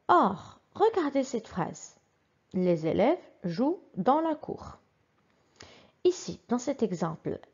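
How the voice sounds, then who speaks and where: A woman teaching a simple grammar lesson, patiently reading each example sentence twice with clearly marked question intonation. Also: fairly high pitch, a little mellow, highs cut off. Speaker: French teacher.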